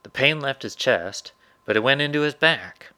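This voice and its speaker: A man's voice: medium pitch, lively intonation, normal speed, bright, forceful tone. A man voicing a sly, polite male raccoon in a storybook tale, talking pleasantly and coaxingly.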